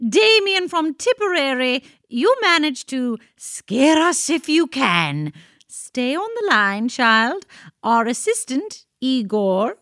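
A woman's voice: high voice, fairly bright tone, no echo, studio quality, exaggerated voice. A woman playing a spooky, teasing female radio co-host with a theatrical delivery in a children's show.

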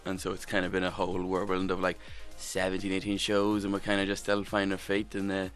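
A man's voice: low-pitched, completely flat delivery, fast talker, a bit bright, soft background music. A young man with a Monaghan Irish accent, chatting casually as a band member in a radio interview. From Monaghan, Ireland. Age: young adult.

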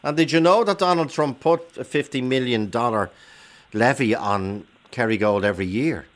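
Male phone-in host, Irish accent, mid-pitched, conversational, keeps probing with short questions. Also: normal speed. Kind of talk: casual interview chat.

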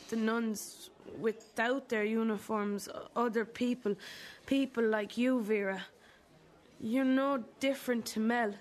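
A woman playing a slow-spoken, wounded, bitter daughter. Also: on the high side. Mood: bitter, vulnerable. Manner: accusing, halting, deliberate. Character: wounded, bitter adult daughter confronting the mother who abandoned her. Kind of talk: dramatic two-hander dialogue.

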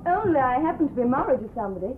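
A woman playing a neglected, complaining wife in an old radio drama, talking in a rapid, sharp way. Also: sits high, big pitch swings, a little hiss or hum. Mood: aggrieved. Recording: tinny archive radio line.

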